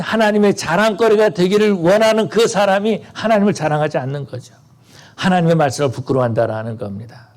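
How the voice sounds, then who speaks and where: Fervent pastor, man, higher voice. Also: a little mellow. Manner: earnest, rising to fervent appeals. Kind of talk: sermon.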